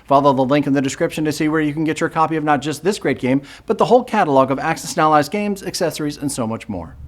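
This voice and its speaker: A native English speaker with a voice on the high side runs a board game channel, walking through the rules in a quick-paced, scripted, upbeat tutorial sprinkled with jokey, self-deprecating remarks.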